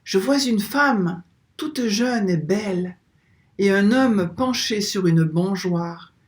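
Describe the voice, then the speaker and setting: A reader voicing an awestruck young shepherd in a devotional story, speaking in a hushed, wondering way. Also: mid-range voice, takes it slowly, close to an everyday voice. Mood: awed.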